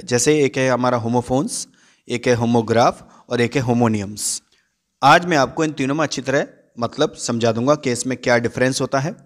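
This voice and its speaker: High-voiced man teaching a lesson. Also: fairly bright tone. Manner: slow deliberate reading of English definitions; repeats points, spells words letter by letter. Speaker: English teacher. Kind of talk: explaining lesson, reading definitions.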